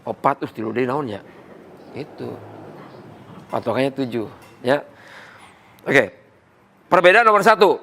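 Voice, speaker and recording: A man's voice: medium pitch, sing-song, a little slow, long pauses, bright, forceful tone. A man giving a staff training talk as a company trainer, repeating key points and asking rhetorical questions.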